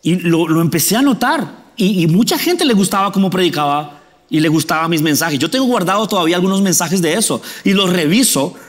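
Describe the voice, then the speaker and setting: A man's voice: high voice, lively intonation, fairly quick, in a large hall. A male pastor preaching a sermon conversationally, often asking the congregation questions.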